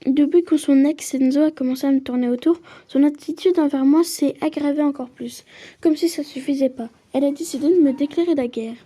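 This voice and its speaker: High, mellow-voiced woman narrating a game. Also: brisk. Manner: chatty asides mixed with story narration. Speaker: player and narrator of a story game. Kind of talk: casual playthrough with read-aloud narration.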